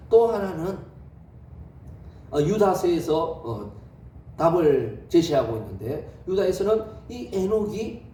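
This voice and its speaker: A man's voice: fairly high pitch, mellow. A male pastor preaching a sermon, telling the story with lots of rhetorical questions. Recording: echoey hall, distant mic, faint noise.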